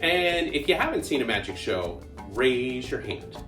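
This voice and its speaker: A kids' party magician with a very animated, up-and-down delivery, recorded in a roomy, echoey space with faint music. The host is playful and exclamatory, coaxing children to join in with call-and-response. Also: mid-range voice, unhurried. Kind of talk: interactive kids' party magic show for camera.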